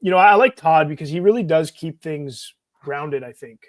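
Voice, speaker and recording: A man's voice: on the high side, normal speed, no echo. A man co-hosting a casual sports podcast, talking in bursts and repeating words as he thinks. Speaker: podcast co-host.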